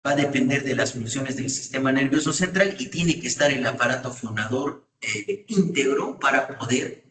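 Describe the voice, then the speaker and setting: A man's voice: mid-range voice, moderate pace, fairly bright tone, far from the mic. Man lecturing in an echoey classroom. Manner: asks frequent checking questions to students. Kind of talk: university lecture on psychopathology. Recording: echoey room, voice off-mic.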